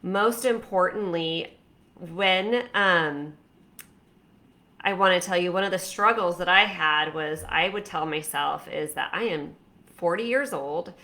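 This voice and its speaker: A woman's voice: on the low side, a little slow, bright, forceful tone. A woman in her forties, a fashion stylist and coach, talking casually and encouragingly to viewers with many fillers and restarts. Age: 40s. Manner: chatty, rambling, encouraging. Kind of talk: casual talk to camera.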